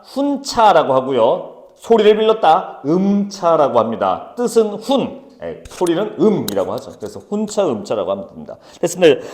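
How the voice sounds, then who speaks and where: A man teaching a high school Korean class, brisk and teasing, calling on students by name. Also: darkish tone. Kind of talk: classroom lecture. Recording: echoey classroom.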